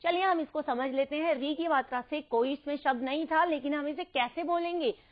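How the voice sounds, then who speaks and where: High-voiced lady teacher taking it slow, saying words clearly for little kids to repeat, kinda muffled recording. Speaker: primary school teacher. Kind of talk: children's Hindi lesson. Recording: dull lo-fi recording.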